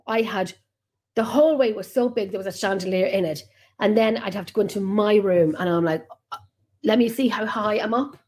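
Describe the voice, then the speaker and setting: Hosting a casual chat over a video call, a woman with an Irish accent speaks on the high side with a dark tone. A podcast host and paranormal investigator, she's a chatty storyteller who rambles at length and frequently cuts herself off.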